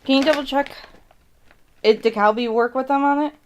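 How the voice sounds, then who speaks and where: A woman's voice: sits high, fairly quick, a little mellow, a little hiss or hum. A woman hosting a casual snack-tasting vlog, rambling as she thinks aloud and corrects herself mid-thought. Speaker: mukbang host reviewing snacks. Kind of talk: casual vlog chat to viewers.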